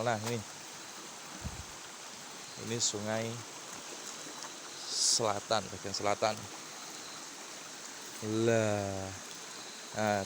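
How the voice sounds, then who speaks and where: A young man from Indonesia, talking haltingly and casually as he guides a night exploration vlog, often repeating words. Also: lowish voice. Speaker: vlogger, local guide. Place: outdoors at night beside a rural river. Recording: noisy outdoor recording with insects and stream. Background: crickets, insects, running stream.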